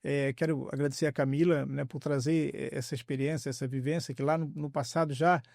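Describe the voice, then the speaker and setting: A man's voice: mid-range voice, flat delivery, a little fast, gravelly, darkish tone, dry recording, clean studio sound. A man hosting a podcast, asking questions hesitantly with many fillers. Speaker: podcast host. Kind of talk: podcast interview.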